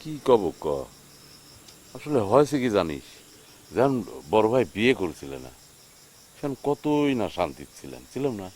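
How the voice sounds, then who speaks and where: Frustrated young brother, with a lively, swinging voice. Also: male voice, mid-range voice, unhurried, pauses often. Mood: weary. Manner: pleading, then agitated. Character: exasperated younger brother in a village family.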